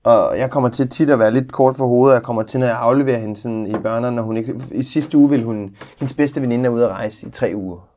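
A man in his thirties chats casually in a middle-pitched voice. He teases his co-host and laughs often. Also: steady tone, hardly any pauses, darkish tone, slight background noise. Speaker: podcast co-host, father. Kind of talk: casual chat.

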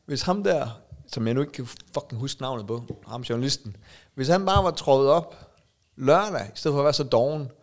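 A middle-aged man co-hosting a casual chat podcast, telling anecdotes animatedly with halting restarts. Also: medium pitch. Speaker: podcast co-host.

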